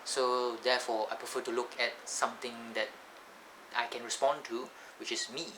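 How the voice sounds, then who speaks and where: In this vlog, a man with a Malaysian English accent talks at a moderate pace in a flat voice, wandering into digressions and fixing his own words as he goes. The camcorder's built-in microphone leaves him sounding thin, without much bass, and background noise is plainly audible.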